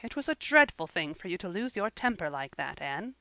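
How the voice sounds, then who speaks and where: A woman's voice: lowish voice, very animated, a little fast, bright, forceful tone, dry recording, heavily acted. A woman voicing a stern, dry-witted spinster in her fifties in an audiobook, scolding in a firm, dry manner. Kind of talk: audiobook character voice.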